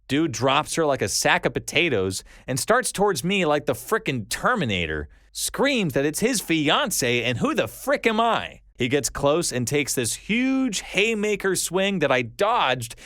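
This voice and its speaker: A man reads collected stories aloud for his channel in scripted narration, his pitch swinging widely to keep the storytelling animated. The sound is dry and close, with no room sound around it.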